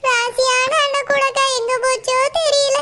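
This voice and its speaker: Fretful squeaky village woman. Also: flat delivery, moderate pace. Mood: anxious. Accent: Tirunelveli Tamil. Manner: fretful, pleading. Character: worried village woman, tearful and anxious. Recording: loud hiss behind voice.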